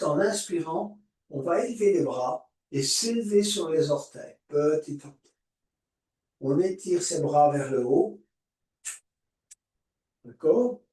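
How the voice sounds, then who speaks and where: A man guiding a yoga class, giving calm, drawn-out cues for breathing and movement. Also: on the high side. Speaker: yoga teacher. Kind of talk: guided yoga class instruction. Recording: echoey room, voice far from mic.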